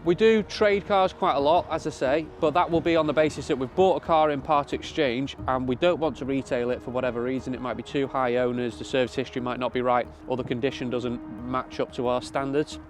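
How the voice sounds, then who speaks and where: A man's voice: mid-range voice, steady tone, brisk, hardly any pauses. A British man, a car dealer hosting his own video, talks casually and unscripted in a matter-of-fact, explanatory way. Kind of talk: casual unscripted vlog commentary. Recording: clear background noise from cars and outdoors.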